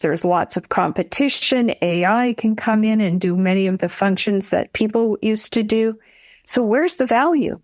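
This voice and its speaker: A woman being interviewed as a trainer of financial advisors, speaking in a measured, persuasive way and building her points in lists. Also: medium pitch, darkish tone, no room sound, clean studio sound. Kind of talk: interview conversation.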